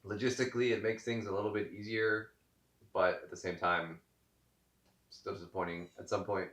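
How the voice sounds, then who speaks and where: A man vlogging casually at home, explaining things in a measured, matter-of-fact way. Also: lowish voice, steady tone, a bit bright. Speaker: vlogger, co-host of a sailing channel. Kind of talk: casual chat to camera. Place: at home in a house. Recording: echoey room, distant mic, faint music.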